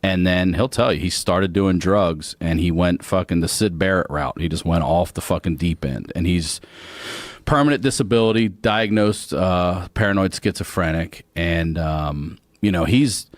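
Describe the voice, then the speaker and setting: A man telling a story in a casual podcast chat, animated and swearing, acting out the people he quotes. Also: low-pitched, moderate pace, no echo. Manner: animated, swears a lot, acts out quotes, laughs often.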